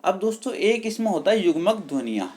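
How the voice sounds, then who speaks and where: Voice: mid-range voice, sing-song, darkish tone. Patient exam-prep teacher, repeating terms. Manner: drills terms slowly, repeating key words and quizzing with "clear?"; addresses viewers as friends, patient and repetitive. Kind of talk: online exam-prep lesson.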